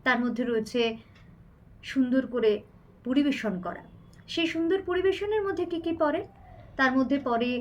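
A woman's voice: high-pitched, a bit bright. A woman recitation teacher giving a spoken lesson on pronunciation, carefully demonstrating sounds one at a time. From Bengal.

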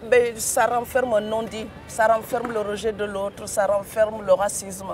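A woman's voice: medium pitch, flat delivery, a little slow, over music. A woman from Senegal with a Senegalese French accent and rolled R's, speaking emphatically with frequent hesitations as an interview guest. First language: Serer. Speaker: author guest. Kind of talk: studio interview.

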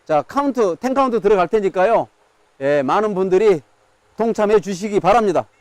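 A man's voice: high voice, lively intonation, fairly quick, a little mellow, no echo. A man working as a live auctioneer, calling out bids, counts and sales in auction patter.

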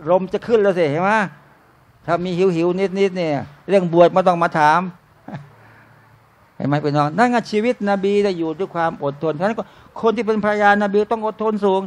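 A man's voice: high-pitched, brisk. A man giving an informal religious sermon to a live audience. He keeps calling out to his listeners as brothers and sisters, asks them questions, and jokes in a chatty way. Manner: jokey and conversational, acts out short everyday scenes. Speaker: Islamic religious teacher. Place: restaurant used as a talk venue.

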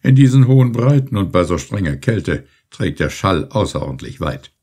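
A man voicing a cold, calculating male ship's officer who speaks in a measured, matter-of-fact way. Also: low-pitched, sing-song, mellow, husky, full character voice. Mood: cool.

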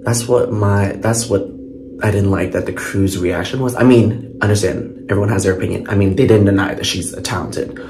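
Brief: tired male vlogger, low gravelly voice, chatty and complaining, faint background hiss. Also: a little fast, darkish tone. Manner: chatty, complaining, stumbles and restarts. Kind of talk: casual wrap-up vlog.

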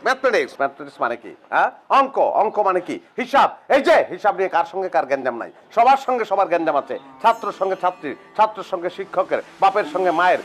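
A pompous know-it-all teacher. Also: male voice, high-pitched, fairly bright tone, heavily acted. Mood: orating. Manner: pompous, lecturing, keeps asking "understood?". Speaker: self-styled teacher lecturing at a tea stall. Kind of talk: TV comedy drama acting.

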